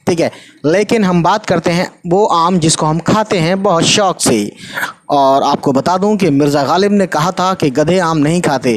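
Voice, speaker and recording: एक पुरुष उर्दू शिक्षक, आराम से समझाते हुए पाठ पढ़ाता है और बार-बार "ठीक है" कहता है, बीच-बीच में अंग्रेज़ी शब्द मिलाता है।. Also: male voice, sits high. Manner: repeats "ठीक है" often, mixes English words. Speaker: Urdu teacher. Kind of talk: casual explanatory lesson.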